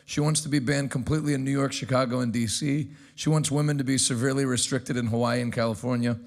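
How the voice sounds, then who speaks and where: A brash male host with a gravelly, creaky edge to his mid-pitched voice. He delivers sarcastic news commentary with punchy, energetic remarks between clips. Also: quick pace. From United States.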